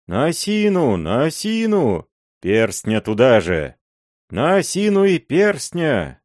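A man voicing a drunken mob of robbers, shouting raucously in a raised voice. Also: medium pitch, wildly swooping pitch, measured pace, no room sound, clean studio sound, pitched above the performer's own voice. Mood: rowdy shouting.

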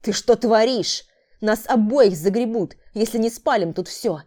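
A brutal, furious male killer who barks harsh insults, voiced by a woman reading an audiobook. The delivery is loud and rough, yet the underlying tone stays mellow and warm. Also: mid-range voice, animated, normal speed, natural voice. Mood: angry. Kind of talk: audiobook character voice.

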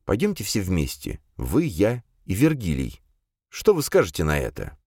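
Man doing a polite, soft-spoken ghost. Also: low-pitched, moderate pace, husky, no echo, studio quality, full character voice. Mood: gentle, patient. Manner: calm, courteous, soft-spoken. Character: tall pale ghost, polite and patient man.

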